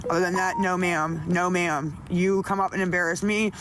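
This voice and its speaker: A woman's voice: fairly low pitch, fairly even intonation, moderate pace, heavy background noise. A woman on her own livestream, pleading with viewers for money and swearing angrily at people she blames. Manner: profane, pleading and angry. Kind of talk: upset livestream rant.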